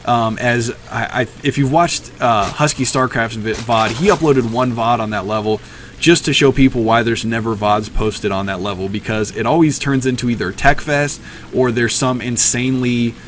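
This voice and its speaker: A man's voice: medium pitch, fairly even intonation, normal speed, slight background noise. A very tired man casually commenting on a replay of his own match late at night, rambling with many ums and uhs.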